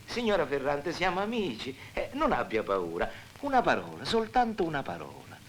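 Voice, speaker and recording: A man's voice: fairly high pitch, wildly swooping pitch, moderate pace, a little hiss or hum, rough recording. An actor playing a man who coaxes a frightened woman at her door in a dubbed film drama. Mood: coaxing. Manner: coaxing, then urgent. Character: pushy man calling through a door.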